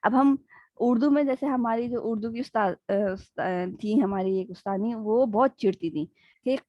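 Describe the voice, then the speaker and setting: A woman's voice: fairly high pitch, dry recording, lo-fi sound. A woman giving an interactive online religious lesson. She talks conversationally, keeps checking in with her listeners, and acts out little everyday scenes. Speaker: Islamic studies teacher.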